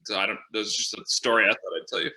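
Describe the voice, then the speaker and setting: A man's voice: on the low side, flat delivery, rapid-fire, sharp tone. A man with a Minnesota accent, a podcast guest on a video call, chatty and self-mocking. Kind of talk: casual podcast chat.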